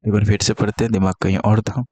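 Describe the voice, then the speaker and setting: Soft-spoken man teaching in a low murmur. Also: level tone, fast talker, no echo. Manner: speaking softly to avoid coughing; repeats key terms and mnemonics. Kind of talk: exam-prep lecture.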